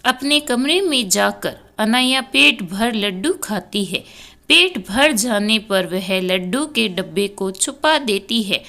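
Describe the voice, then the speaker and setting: A woman narrates a family tale in a slow, unhurried way. Her voice sits at an ordinary middle pitch. She reads steadily and names each character before voicing their lines. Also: lively intonation, sharp tone. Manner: unhurried storytelling delivery, voicing each character by name cue. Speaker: storyteller. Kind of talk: scripted narration of a family story, reading all parts.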